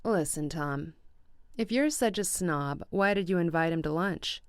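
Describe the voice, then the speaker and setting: A woman's voice: lowish voice, expressive, a little slow, clean tone, no echo. A woman reading the part of a cool, wry young woman in an audiobook, dry and teasing.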